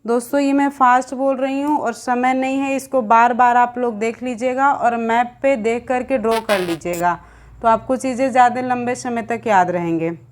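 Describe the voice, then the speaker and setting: A young woman teacher, rattling off long lists of names in a quick exam revision lesson and calling her viewers friends. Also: a little high, steady tone.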